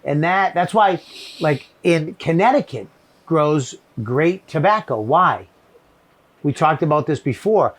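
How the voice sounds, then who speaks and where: A man with a Boston accent and a slightly high voice talks at a slow pace with lively intonation. A podcast host and comedian, he chats casually about cigars in a shed full of them, rambling, swearing, and often groping for words.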